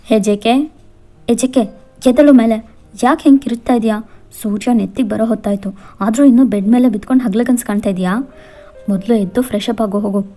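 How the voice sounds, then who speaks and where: A woman voicing a brisk middle-aged mother in a Kannada fan-fiction audio story, nagging loudly. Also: medium pitch, soft background music, lightly acted. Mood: scolding. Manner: loud, nagging scolding.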